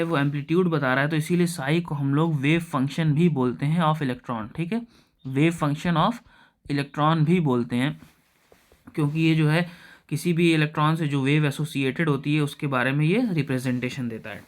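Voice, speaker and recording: Man, Indian accent, chemistry teacher, slightly high voice, checks in often, dictates equations slowly. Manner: explains step by step, often checking in with "okay?"; slows right down to dictate equations. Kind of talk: classroom lecture.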